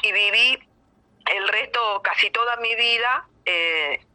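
An Argentine woman in middle age speaks with a very bright, sharp tone. She talks effusively and at length, often restarting her sentences as she chats as a guest musician in an interview. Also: medium pitch, slow pace, rough recording. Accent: Argentine Spanish. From Buenos Aires province, Argentina. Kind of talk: casual interview chat.

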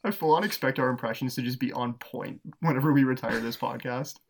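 A man co-hosting a podcast, pitching movie ideas in casual chat, laughing often and rambling with fillers. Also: a little fast, creaky, a little hiss or hum. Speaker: podcast co-host.

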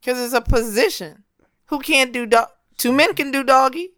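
A woman's voice: high voice, moderate pace, a bit bright, dry recording, clean studio sound. A woman co-hosting a podcast, teasing and playful in casual crude banter. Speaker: podcast co-host.

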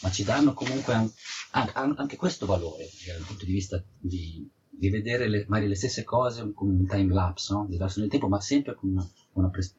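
A man from Italy, interviewed as a field geology researcher, gives conversational technical answers in a low, slightly mellow voice at normal speed. He often repeats words and restarts as he explains. The audio is dull and muffled, with slight background noise.

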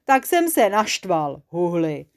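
Storybook casting: a woman doing a croaky, stubborn, gloating creature who mumbles. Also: lowish voice, very animated, pitched below the performer's own voice. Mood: sulky. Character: croaky mumbling hairy-eared male creature, naughty.

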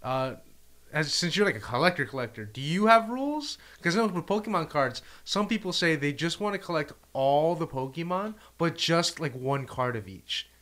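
A man chatting casually as a co-host, self-mocking and quick to laugh. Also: on the high side. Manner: self-mocking, laughs often, animated when excited. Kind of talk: casual chat.

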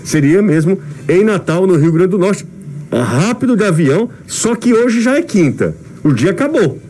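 A man's voice: high-pitched, very animated, normal speed, a little mellow, a little hiss or hum. A man hosting casual sports radio talk, his voice muffled because he speaks through a face mask. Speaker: sports radio show host. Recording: studio mic muffled by mask, music bed.

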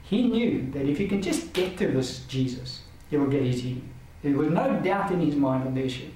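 A man's voice: fairly high pitch, lively intonation, normal speed, mellow. A man giving a Bible teaching lecture in an earnest, emphatic way, driving points home through repetition. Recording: very echoey, distant mic, faint hiss.

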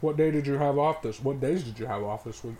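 A man co-hosts a podcast in loose, joking chat, swearing freely and now and then talking through a mouthful of food. His voice is mellow and warm. A faint hiss of noise sits underneath. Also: medium pitch, quick pace. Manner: profane, joking, talks with his mouth full. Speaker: podcast co-host.

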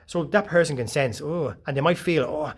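A man, giving a casual, profane motivational talk full of animated storytelling. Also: a little high, a little fast, husky. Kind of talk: casual monologue.

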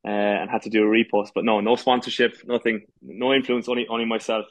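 A man's voice: on the low side, flat delivery, fast talker, dry recording. A man in his thirties from the west of Ireland with an Irish accent, chatting casually as an interview guest. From Galway, west of Ireland. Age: 30s. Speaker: podcast guest, amateur goalkeeper.

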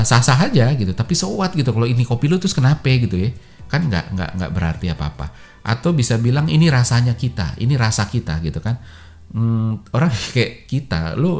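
A man's voice: on the low side, a little mellow. A man hosting a podcast, explaining in a casual way with slang and lots of fillers. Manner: informal Jakarta slang, many fillers. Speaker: podcast host.

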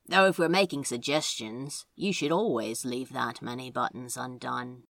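A woman's voice: very deep voice, moderate pace, a bit bright. A woman voicing a sardonic male demon who drawls lazily and teases. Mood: teasing. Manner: lazy drawl, mocking.

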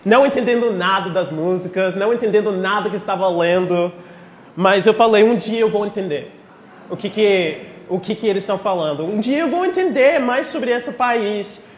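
A male guest preacher with a noticeably high voice and an American English accent in his Portuguese. He speaks to a congregation informally and with feeling. The sound rings with long reverb in a church hall, over faint noise. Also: normal speed. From Texas, United States. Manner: heartfelt, emotional, playful asides. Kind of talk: informal sermon to a congregation, with prayer.

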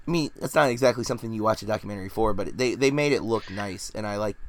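A man in his forties with a somewhat low voice chats casually about a film. He rambles, hedges and fills pauses with "um" and "like" as a podcast host. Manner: rambling, hedging, many fillers. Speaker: podcast host reviewing films.

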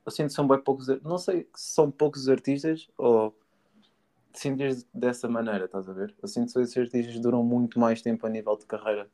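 A man's voice: mid-range voice, steady tone, a little fast, warm tone. A young man chatting casually in an enthusiastic, slangy way. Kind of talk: casual chat.

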